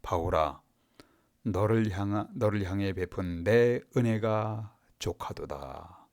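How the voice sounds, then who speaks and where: A pastor voicing God, calm and fatherly. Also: fairly low pitch, slow, pitched below the performer's own voice. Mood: reassuring. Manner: gentle, reassuring commands.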